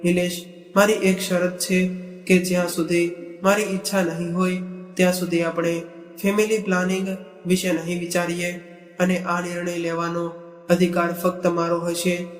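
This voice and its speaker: A man voicing a proud, headstrong young wife in a read-aloud storybook, in a plain, even manner. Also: high-pitched, normal speed, roomy sound, in a large hall, soft background music, lightly acted. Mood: defiant.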